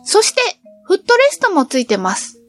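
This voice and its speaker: A middle-aged woman tells of her travels in a cheerful, chatty way. Her voice sits high and moves in lively, animated swoops. Faint music plays under the narration. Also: moderate pace. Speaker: travel vlogger.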